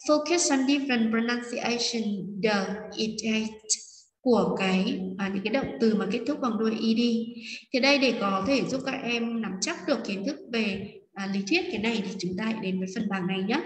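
A woman teacher walks through a lesson in a patient, step-by-step way, often checking in with her students. Her voice sits a little high and sounds set back from the mic. A roomy space with a long reverb trails after her words. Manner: patient, step-by-step explaining with frequent check-ins. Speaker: English teacher. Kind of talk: recorded classroom lesson explanation. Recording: echoey room, long reverb, voice distant from mic.

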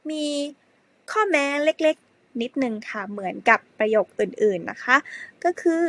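A woman teaching an English grammar lesson to primary pupils, speaking slowly and spelling words out letter by letter. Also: fairly high pitch, animated, creaky, fairly bright tone. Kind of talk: slow spelled-out classroom lesson.

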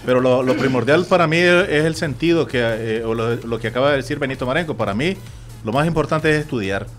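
A man with a Nicaraguan Spanish accent hosting a sports radio talk show, telling stories in an animated way and acting out other people's voices. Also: mid-range voice, quick pace, faint music behind. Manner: animated storytelling, acts out quoted voices. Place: radio studio.

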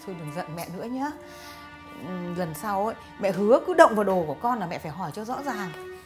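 A woman's voice: high-pitched, sing-song, quick pace, music in the background. A woman voicing a scheming rural mother-in-law who coaxes and scolds. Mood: coaxing. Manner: chatty, coaxing, then scolding. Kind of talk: dubbed drama voice acting.

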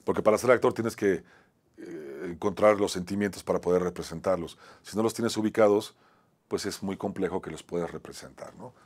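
A Mexican-accented man with a fairly low voice tells a personal story as an acting teacher. His delivery swings between a strong, projected voice and a soft, quiet one. He keeps tagging his phrases with a little question. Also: brisk, slightly rough. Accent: Mexican Spanish. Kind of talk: personal anecdote on a talk show.

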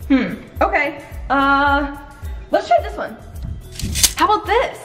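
A woman's voice: high-pitched, big pitch swings, takes it slowly, fairly bright tone, reverberant, faint music behind. A young woman vlogging eagerly in a large house, with breathless gasps and giggles. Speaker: vlogger co-host. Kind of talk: excited casual vlog. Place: large bright house indoors.

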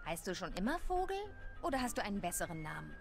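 A woman's voice: fairly low pitch, sing-song, fast, creaky. A young woman playing a dry, matter-of-fact heroine in a video game, with game music behind. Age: young adult. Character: determined young female heroine. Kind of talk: game dialogue.

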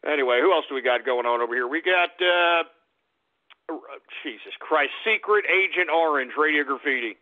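A man hosting an internet radio show, ranting and shouting insults at his listeners. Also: on the high side, lively intonation, normal speed. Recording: tinny phone-like lo-fi radio stream.

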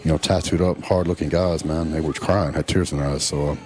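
A middle-aged Texan man with a rumbling bass voice narrates a casual voice-over. He's a professional bodybuilder, and his laid-back, drawn-out delivery is full of fillers like "uh" and "you know."

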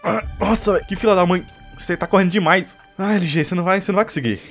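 A young Brazilian man chatting during a game, teasing his opponent with mock threats and excitable outbursts. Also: high voice, very fast, faint music behind. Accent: Brazilian Portuguese. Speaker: gaming YouTuber. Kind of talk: playful gaming chat.

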